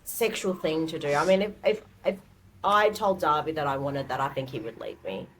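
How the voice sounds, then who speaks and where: A woman's voice: sits low, moderate pace, slight background noise. A woman, a guest author, chatting casually on a podcast, often laughing and stumbling through her words.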